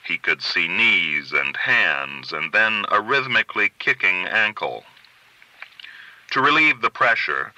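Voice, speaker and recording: An audiobook narrator, male, reads literary fiction in a measured, articulate way. His fairly low voice carries a very sharp, bright edge, and the dry, close recording has no room sound but is rough.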